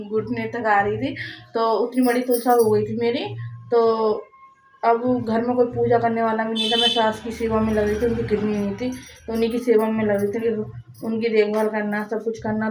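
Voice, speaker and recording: A young woman with a hoarse, sore-throated voice chatting casually to her viewers at home, rambling with restarts. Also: a little high, darkish tone, poor audio. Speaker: vlogger. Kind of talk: casual vlog chat to viewers. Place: home, indoors.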